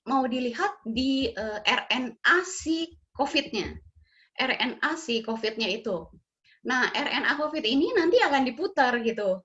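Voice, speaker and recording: A woman's voice: on the high side, fairly bright tone. Chatty middle-aged woman. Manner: chatty, acts out quoted dialogue, laughs often. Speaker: guest sharing family experience. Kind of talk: casual storytelling. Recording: dull lo-fi sound.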